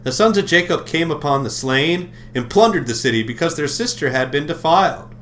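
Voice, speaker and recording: A man's voice: on the high side, expressive, brisk, a bit bright, slight background noise. Irreverent, profane man reading scripture. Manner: profane, mocking asides between read passages. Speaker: livestream host. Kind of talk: irreverent comedic Bible reading on a livestream.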